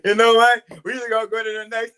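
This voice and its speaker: A man's voice: very high voice, completely flat delivery, fast talker, pushed and bright, slight background noise. A man with a New Orleans accent hosting a podcast, joking and laughing often in casual chat. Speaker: podcast host.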